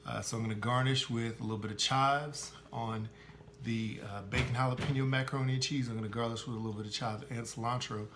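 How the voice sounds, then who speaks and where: A man's voice: mid-range voice, fairly even intonation, fast, background noise. A middle-aged man hosting a casual cooking how-to, chatty and full of "uh" fillers and self-corrections. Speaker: host of a barbecue cooking channel.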